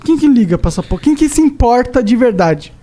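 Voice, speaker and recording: A man's voice: very high-pitched, big pitch swings, fairly quick, warm tone. A man hosting a podcast in casual chat, insistent and repeating himself for emphasis. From Brazil. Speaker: podcast host.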